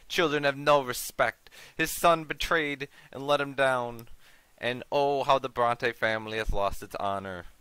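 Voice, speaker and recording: A man plays a story game and reads its text aloud at a measured pace. Between passages he drops into crude, swearing remarks. His voice is bright and crisp, recorded dry and close. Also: mid-range voice, no echo, poor audio. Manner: measured reading broken by swearing asides. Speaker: gaming channel host. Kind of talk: reading game text aloud with cursing commentary.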